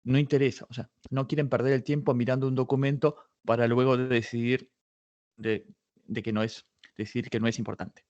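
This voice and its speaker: A man's voice: mid-range voice, flat delivery, moderate pace, darkish tone, lo-fi sound. A man in a workshop, walking listeners step by step through a database search, thinking aloud and correcting himself as he goes. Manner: explains step by step, thinking aloud with many restarts. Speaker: workshop instructor. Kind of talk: live online patent search tutorial.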